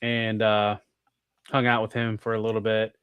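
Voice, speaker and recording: A man's voice: lowish voice, completely flat delivery, normal speed, fairly bright tone, a little hiss or hum. An American man, a guest on a podcast, chatting in a rambling way full of "like" and restarts. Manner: rambling, filler-heavy with many restarts. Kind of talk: casual chat.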